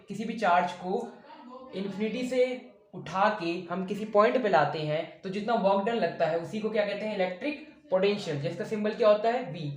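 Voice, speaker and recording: A male teacher giving a blackboard science lesson, asking the class questions, answering them himself, and patiently repeating each point. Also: sits high. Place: room with a board he writes on and erases. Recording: echoey room.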